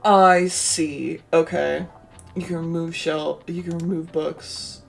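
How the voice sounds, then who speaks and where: Gravelly low-voiced woman gushing over a cozy game. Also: steady tone, slow, faint music behind. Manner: gushing and easily delighted. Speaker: let's play streamer. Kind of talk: cozy game playthrough, reading on-screen text aloud.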